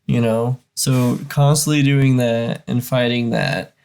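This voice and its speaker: Male reaction co-host, gravelly fry, loose rambling delivery, mid-range pitch. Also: steady tone, slow pace, a little mellow. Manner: rambling, many "like"s and restarts. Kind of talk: casual reaction chat.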